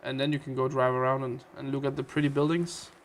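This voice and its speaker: A man's voice: mid-range voice, level tone, fast, slight background noise. A man with a Danish accent hosting a casual gaming livestream, chatty and playful as he reads out and answers viewer comments. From Denmark. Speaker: livestream host.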